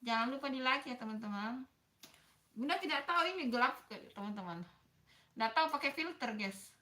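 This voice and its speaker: A woman's voice: sits high, normal speed, bright, forceful tone. A woman hosting a casual livestream, chatting with viewers, greeting them by name and apologizing often. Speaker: livestream host.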